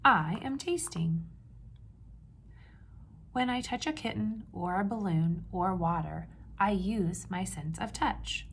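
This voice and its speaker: Speaking at a medium pitch against a faint hiss or hum, a woman reads a picture book to young children as a teacher might. Her manner is instructive: she stresses important words and asks easy questions, pausing before confirming what's right.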